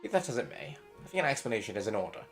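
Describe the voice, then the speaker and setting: A composed, courteous gentleman professor, as a man reads him out, every sentence measured and proper. The voice sits in a middling pitch with a lively contour. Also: soft background music. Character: calm, polite English gentleman professor.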